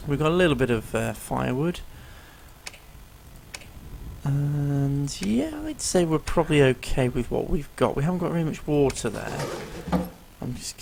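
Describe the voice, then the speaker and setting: A medium-pitched man, heard over background noise, does laid-back let's-play commentary, explaining the game while he plays and using plenty of ums and uhs. His voice is rough and tired, strained as though it's failing.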